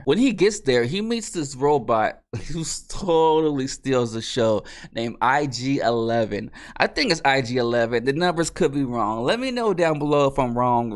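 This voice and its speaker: Excitable young man recapping a show. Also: a little high. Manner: excitable, rambling, slangy, self-correcting. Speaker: show review host. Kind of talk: casual recap and review.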